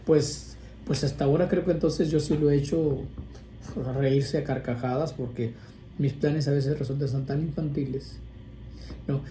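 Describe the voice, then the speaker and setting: A male priest preaches about prayer in a loose, chatty way, circling back with restarts and asides. His voice is deeply mellow and warm, sitting at an ordinary pitch. The sound carries an echoey room with a faint hum of ambience behind it. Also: steady tone, moderate pace. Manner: conversational, rambling with restarts and asides. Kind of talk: informal sermon on prayer.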